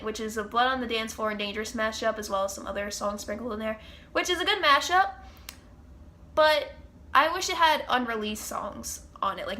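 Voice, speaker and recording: A young woman with a fairly high, sharp voice and a congested, stuffy nose hosts her own channel. She chats casually through a Q&A vlog, gushing with fan enthusiasm.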